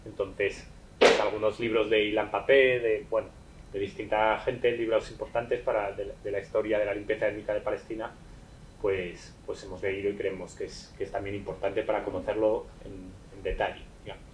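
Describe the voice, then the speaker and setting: A man calmly explaining in a conversational talk, hesitant with many fillers and restarts. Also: lowish voice, normal speed, slight background noise, rough recording.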